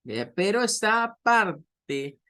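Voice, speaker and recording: A man teaching English grammar in a patient, explanatory lecture, repeating example words slowly. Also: high voice, big pitch swings, pushed and bright.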